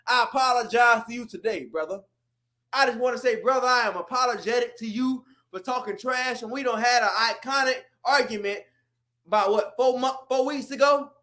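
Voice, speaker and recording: A man from Florida, co-hosting a sports podcast in a heated, animated rant that swings between shouts and low mutters. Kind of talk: heated casual sports talk.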